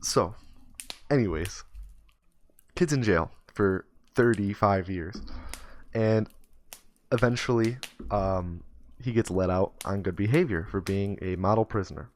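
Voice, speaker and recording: A man's voice: on the low side, a little slow, pauses often, a little mellow. A man streamer telling a comic story in a loose, profane, rambling way.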